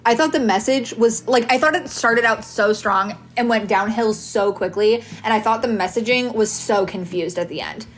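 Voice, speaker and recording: A woman giving casual, opinionated vlog commentary on books in an animated, emphatic way, with music behind her. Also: fairly high pitch, moderate pace, few pauses. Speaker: book reviewer with a video channel.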